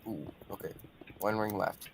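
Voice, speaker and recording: A man's voice: fairly low pitch, normal speed, slight background noise, low-quality recording. A man chatting with a friend while they play a game together, teasing him and tossing out playful jokes and asides. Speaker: co-streamer friend. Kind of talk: casual chat while gaming.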